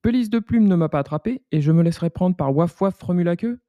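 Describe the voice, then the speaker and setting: A man's voice: high-pitched, expressive, quick pace, no echo, phone-quality sound, pitched above the performer's own voice. A man voicing a cheeky, boastful runaway pancake in a bedtime story, in a taunting singsong.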